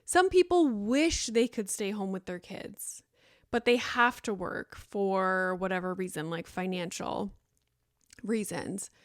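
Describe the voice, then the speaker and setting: A woman in her thirties talks through a solo podcast episode in a loose, rambling, chatty way, full of fillers. Her voice is smooth and clear at a middling pitch, recorded close and dry with no room sound. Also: slow, dry recording. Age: 30s. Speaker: podcast host.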